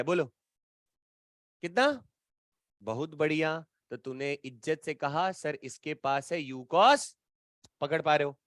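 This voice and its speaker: A man's voice: high-pitched, a bit bright, dry recording, studio quality. A man teaching physics in a lecture, explaining step by step and teasing his students with playful colloquial asides. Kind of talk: classroom lecture at a whiteboard.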